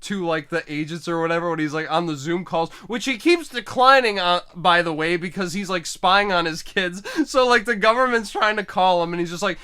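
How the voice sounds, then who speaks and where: A man's voice: sits high, brisk, hardly any pauses, bright, forceful tone, clean tone. A young man hosting a casual movie review, talking loosely with slang and laughing often. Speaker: host of a movie review channel.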